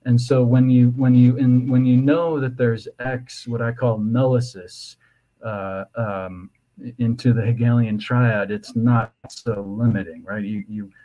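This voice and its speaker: Male podcast guest, mellow and dark in tone, slushy lisp on the s, halting philosophical explainer who wanders between thoughts. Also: mid-range voice, fairly even intonation, low-quality recording. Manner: halting, digressive, with repeated "you know".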